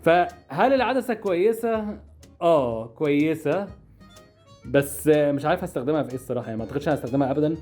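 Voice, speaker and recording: A young man with an Egyptian Arabic accent rattles through a casual unboxing at a very fast clip. His voice sits a little high for a man, with a chatty, jokey, puzzled manner, and faint music plays underneath. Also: animated, darkish tone. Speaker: product-review vlogger.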